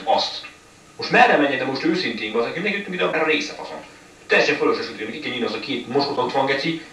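A man's voice: medium pitch, sharp tone. Male gamer, running commentary, nonstop swearing and frustrated outbursts; distant mic, echoey room. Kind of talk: live gameplay commentary. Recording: echoey room, mic far off, faint noise.

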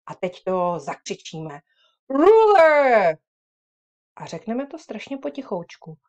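A woman leads a children's vocabulary lesson. Her voice swings widely in pitch, from shouted words to whispers, and she coaxes the kids along with an encouraging manner. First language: Czech. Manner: lively, encouraging, exaggerated loud and whispered drills. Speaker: English teacher for children. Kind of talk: children's lesson video with repetition drills.

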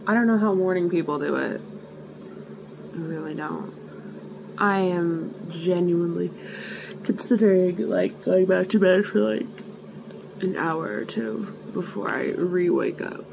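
A woman's voice: lowish voice, measured pace, gravelly, noisy background. A tired woman in her twenties chatting candidly to camera in a rambling, self-deprecating way, with some swearing, partly outdoors in the cold and partly at home. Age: 20s. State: sleepy and worn out. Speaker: vlogger. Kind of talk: casual vlog chat.

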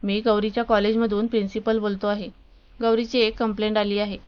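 A woman reading the lines of a strict male college principal in a loud, scolding, authoritative way. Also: medium pitch, flat delivery, a little fast, smooth, dull audio, lightly acted. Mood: stern.

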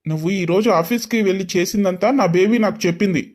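A man voicing a stern, controlling father in an animated storybook, speaking in a commanding, scolding way. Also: sits high, fast talker. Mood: angry scolding. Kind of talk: storybook voice acting.

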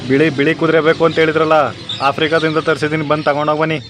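Here a prank caller with a rural southern Karnataka Kannada accent talks very fast in a slightly high monotone. Casual but insistent, he keeps pestering with put-on sincerity over a noisy phone recording.

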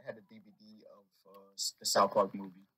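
A man, a podcast guest, chatting casually in a laid-back, halting way. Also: fairly low pitch, completely flat delivery, crowd noise. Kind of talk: casual group chat.

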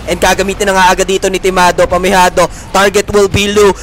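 A man casting an esports match, calling plays fast and excitedly in a mix of Tagalog and English. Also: high-pitched, slight background noise. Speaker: play-by-play caster.

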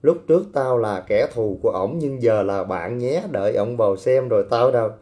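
Guy on a livestream, warm dark voice, trash talks and teases viewers. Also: mid-range voice, moderate pace. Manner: brash, teasing, coarse banter with blunt street slang. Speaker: livestream host. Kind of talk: casual livestream chat reading viewer comments.

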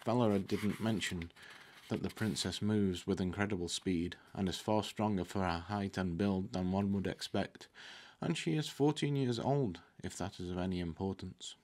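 His voice sits low and a little mellow as this man in his thirties reads from a fantasy novel at a moderate pace. Occasional stumbles on words are followed by quick self-corrections. He reads at a desk in an indoor room with curtains, with a desktop microphone close in front.

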